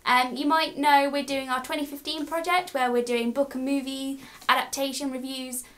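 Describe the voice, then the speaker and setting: A woman's voice: sits high, level tone, moderate pace, a bit bright. A young woman in casual chat as a book vlogger, giggly and saying "like" a lot. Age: young adult. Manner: chatty, giggly, says "like" a lot.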